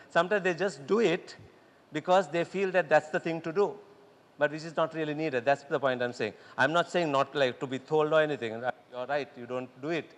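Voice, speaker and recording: A man giving a lively workshop talk to doctors, acting out quotes and laughing often. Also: on the high side. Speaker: speaker at a medical congress workshop. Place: lecture hall. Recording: echoey hall with long reverb.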